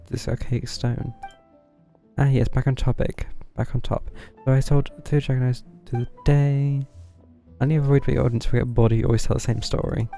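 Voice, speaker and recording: Game music plays while a man with a gravelly, mellow, medium-pitched voice chats casually through a video game stream. He reads the dialogue aloud, mumbling through parts of it.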